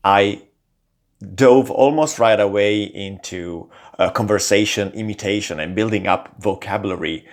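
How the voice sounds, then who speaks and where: Here a lower-voiced man, a native Italian speaker, addresses the camera from a script as host of a language-learning channel. His delivery is lively, the intonation moving around, with lots of little fillers.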